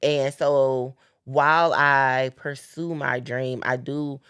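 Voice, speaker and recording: A young woman hosts a podcast of casual faith-based chat, speaking earnestly about faith and dreams and repeating phrases for emphasis. Her very deep voice is slow, smooth, and fairly bright, with fairly even intonation and no echo.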